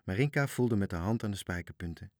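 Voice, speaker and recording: A man narrates a children's story with a low voice and lively expression. The recording is close and dry, with no room sound. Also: fast talker, no room sound.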